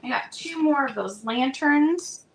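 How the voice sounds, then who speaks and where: A woman selling vintage items, chatting casually and meanderingly as she unpacks, with plenty of fillers, and a voice that is going a bit hoarse. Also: sits high, animated, unhurried, rough recording. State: losing her voice. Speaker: vintage seller showing stock. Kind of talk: casual unboxing chat.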